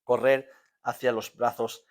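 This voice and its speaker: A middle-aged man with a Spanish accent preaching a sermon to his congregation, swinging between loud emphasis and soft hushed moments and tossing out rhetorical questions. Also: medium pitch, little pitch movement, unhurried. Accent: Spain. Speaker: pastor. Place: church hall.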